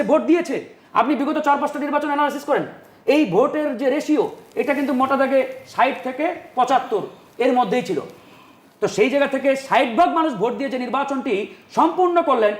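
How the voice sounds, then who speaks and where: Male panel guest, very high voice, fast, combative debater in an echoey studio. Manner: forceful, insistent, talks over the host. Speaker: talk show guest. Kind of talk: heated political debate.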